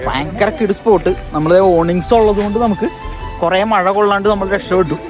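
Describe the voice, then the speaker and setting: A man's voice: sits high, fast, music in the background. A Malayali man casually narrating an outdoor vlog in a Malayalam and English mix, exclamatory and repeating phrases for emphasis. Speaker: vlog host. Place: outdoors at a rainy lakeside camping spot.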